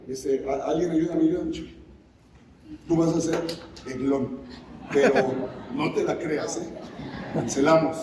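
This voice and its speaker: Echoing preacher in a church hall. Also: male voice, fairly high pitch, noisy background. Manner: call-and-response preaching, acting out scripture. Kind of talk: sermon. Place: church sanctuary. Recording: very echoey hall, mic far off.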